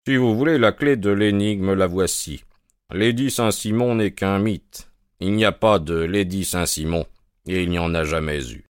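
A man voicing a middle-aged detective who speaks in a dry, mocking and unhurried way. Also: low-pitched, clear, resonant tone, no room sound, lightly acted. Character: cool, ironic male detective, middle-aged.

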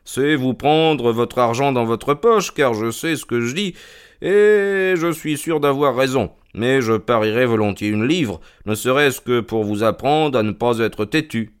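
A man reading an audiobook, voicing a cunning middle-aged detective who talks calmly and stubbornly in a teasing way. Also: mid-range voice, measured pace, clear, resonant tone, pitched above the performer's own voice, natural voice.

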